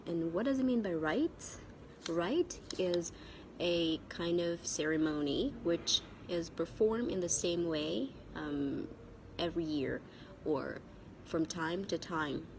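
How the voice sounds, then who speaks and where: A woman with a Vietnamese accent teaches an English vocabulary lesson despite a cold and sore throat, speaking haltingly and repeating key words. Her voice is on the low side, with background noise.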